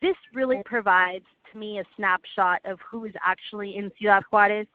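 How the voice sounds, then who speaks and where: A woman presenting slides in a webinar over a phone line, earnest and halting with frequent restarts. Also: mid-range voice, no room sound. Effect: heard over a phone line. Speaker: webinar presenter for a legal aid project. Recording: tinny, dry phone line.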